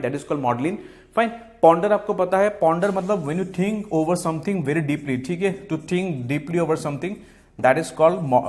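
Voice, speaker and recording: A male teacher with an Indian English accent and a somewhat high voice runs through exam vocabulary. He slides between Hindi and English and repeats each word and answer, with steady "fine" and "okay" fillers. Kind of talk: exam-prep vocabulary lesson.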